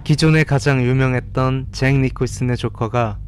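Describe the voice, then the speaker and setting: A man's voice: mid-range voice, fairly even intonation, moderate pace, noisy background. A man reading a scripted narration as a voice-over for a film ranking video. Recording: voice-over with faint background music. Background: faint music.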